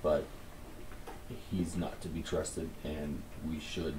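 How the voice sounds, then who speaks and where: A man's voice: extremely low pitch, level tone, slow pace, echoey room, distant mic, background noise. A man playing a tabletop game, talking in an insistent, earnest way. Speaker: player.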